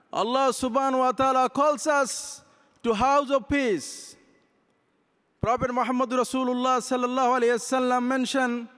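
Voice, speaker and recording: An imam delivers an impassioned convention speech from a podium on a large hall stage, blending Arabic recitation into his English and gesturing with both hands. His very high voice is smooth and fairly bright. Podium microphones capture him, with the long reverb of the big hall.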